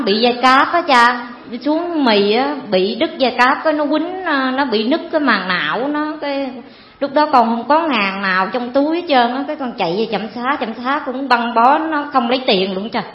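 A woman, giving a rambling, earnest personal testimony to a priest. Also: a little high. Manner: rambling, earnest, fills pauses with "cái" and calls the priest "cha". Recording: echoey, dull hall sound.

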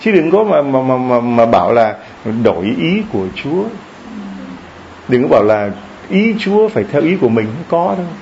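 A man preaching to his congregation, his pitch swinging up and down as he jokes and asks questions. The recording is dull and lo-fi, with a faint hiss behind his voice. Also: sing-song, moderate pace, gravelly, darkish tone. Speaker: priest. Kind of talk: sermon.

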